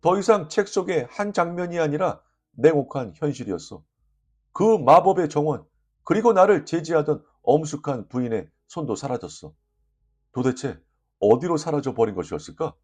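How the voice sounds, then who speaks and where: A man reading a short story aloud as an audiobook narrator, lively and expressive, voicing the dialogue. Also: a little high, moderate pace, slightly rough.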